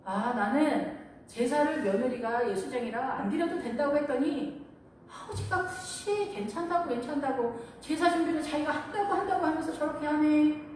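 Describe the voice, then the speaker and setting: A woman's voice: sits high, moderate pace, darkish tone, slight background noise, voice pushed up, lightly acted. Woman putting on a sly sweet mother-in-law. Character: scheming older mother-in-law, falsely sweet. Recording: echoey church hall from far off.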